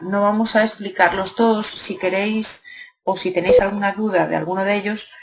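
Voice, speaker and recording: A woman teacher with a Spanish accent from Spain walks students through exam review material. She speaks in a steady, methodical way and often pauses with small hesitations as she lists each point. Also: mid-range voice.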